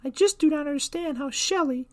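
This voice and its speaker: A man voicing a vain, fussy girl mitten in a high falsetto storybook voice. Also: fairly quick, a little mellow. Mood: prim.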